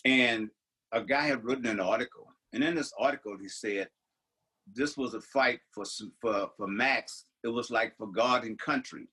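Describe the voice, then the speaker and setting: The recording is rough as an older American man, co-hosting a podcast, tells stories casually and restarts his sentences again and again. His voice is mid-range, sharp and husky.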